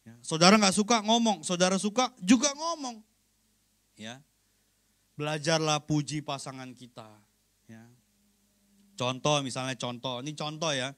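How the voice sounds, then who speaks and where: A pastor delivers a relaxed, chatty sermon in a noticeably high voice. He talks straight to the congregation, jokes with them, and briefly acts out everyday exchanges to make his points. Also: normal speed, pauses often. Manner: conversational, joking, keeps addressing the congregation.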